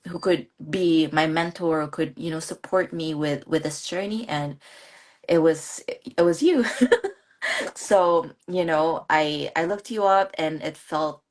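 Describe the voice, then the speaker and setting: A woman from the Philippines answers questions on a live online interview in a low, soft-spoken voice. She talks earnestly, often restarting phrases and laughing lightly between thoughts. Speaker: guest, course graduate.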